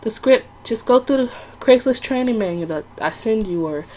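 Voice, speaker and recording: A woman's voice: a little high, lively intonation, moderate pace, warm tone. A woman talking casually to her viewers, chatty and rambling, with lots of fillers and restarts. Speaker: vlogger giving sales tips. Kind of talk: casual talk to camera.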